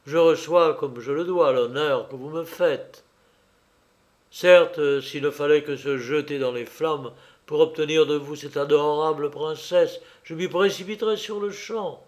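A man's voice: on the high side, a little slow, natural voice. A man reading a storybook aloud, voicing a brave, upright young miller's son who speaks firmly and earnestly. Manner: firm, earnest, sometimes lamenting.

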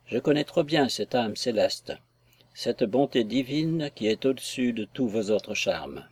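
A man's voice: medium pitch, lively intonation, unhurried, a little mellow, breathy edge. A man voicing a young lover, anxious and ardent, who pleads fervently.

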